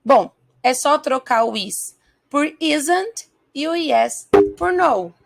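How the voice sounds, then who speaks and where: A woman with a Brazilian Portuguese accent gives a patient English lesson on video. Her voice sits a little high with a noticeable gravelly fry. She keeps checking in with her viewers and slows down to model each phrase. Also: animated. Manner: patient, checks in often with listeners. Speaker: English teacher.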